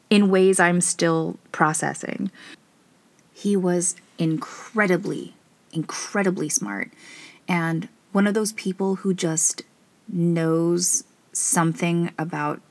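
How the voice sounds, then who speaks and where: A woman's voice: on the low side, dry recording. A woman in her thirties hosting a casual solo podcast, chatty, informal and self-deprecating, recording inside a small closet. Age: 30s. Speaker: podcast host. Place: small clothes closet in a studio apartment.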